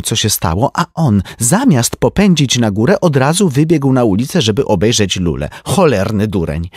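A rich socialite woman, bored and catty, her raised voice flat and offhand, as a male narrator puts her on. The lines swing up and down in pitch. It comes across dry and close. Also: no echo. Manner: flat, indifferent delivery.

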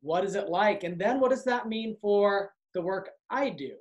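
A man's voice: high voice, animated, normal speed, lo-fi sound. A man who works for a community organization, talking earnestly and reflectively in a casual conversation.

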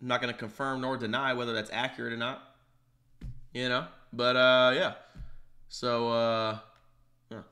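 A young man hosting a casual vlog, teasing his friend, swearing freely and breaking into loud shouts. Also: medium pitch, little pitch movement, normal speed, long pauses. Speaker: vlog host. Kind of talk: joking casual chat. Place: living room.

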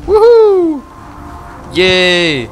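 A young man giving casual let's play commentary, crude and swearing, often yelling at the game. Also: high voice, huge pitch swings, drawn-out words. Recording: voice over game music.

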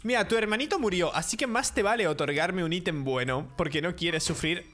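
A man narrates his gameplay playfully and theatrically, talking back to the characters in the game. His voice sits high and bright and leaps all over the place. Faint game music plays behind him. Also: animated, brisk. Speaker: gaming YouTuber. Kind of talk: gameplay commentary.

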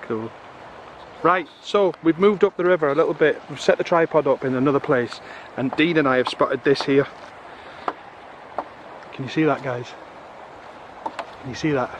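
A middle-aged man chatting excitably to his viewers while magnet fishing outdoors in a river, filmed on a camera. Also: a little high, normal speed, pauses often, dull audio, a little hiss or hum. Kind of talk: casual outdoor commentary. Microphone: camera on a tripod or handheld.

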